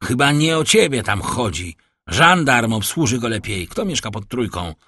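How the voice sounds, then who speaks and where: A man's voice: medium pitch, very animated, moderate pace, pushed and bright, no echo. A man reading an audiobook, voicing a bossy gendarme corporal who barks orders. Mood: officious.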